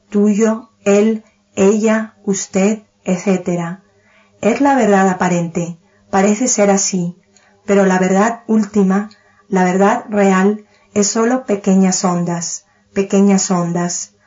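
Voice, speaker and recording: Woman, calm dharma talk, measured delivery, lingers on repeated words, mid-pitched voice, muffled lo-fi recording. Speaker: teacher of Buddhist meditation.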